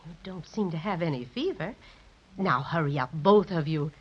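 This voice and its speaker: A woman playing a gentle, worried mother with a soft, fussing manner and a breathy voice, in 1930s radio drama acting. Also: sits low, expressive, normal speed. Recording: muffled old radio recording.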